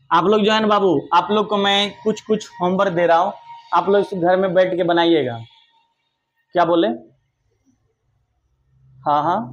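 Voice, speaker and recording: Young male tutor, high voice, warm coaxing classroom manner with loud praise. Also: muffled recording. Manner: affectionate, coaxing, calls pupils "babu", praises loudly. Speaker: English teacher. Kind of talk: online classroom lesson for children.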